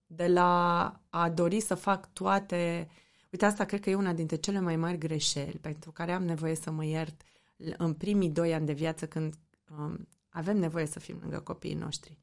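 Low gravelly-voiced Romanian woman. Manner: earnest, reflective, emphatic. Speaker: guest, mother and founder of a mothers' community. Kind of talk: candid interview talk.

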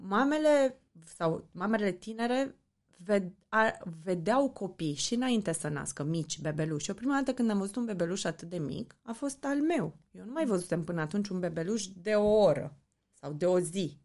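A woman's voice: medium pitch, lively intonation, darkish tone. A woman from Romania, a mother, talking earnestly and reflectively as an interview guest. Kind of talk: candid interview talk.

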